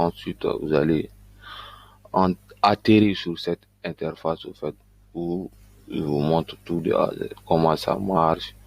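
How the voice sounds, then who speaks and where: A man giving a casual screen-recording tutorial on earning money online, talking in a loose, halting way with frequent fillers. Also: deep voice, darkish tone. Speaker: online business YouTuber.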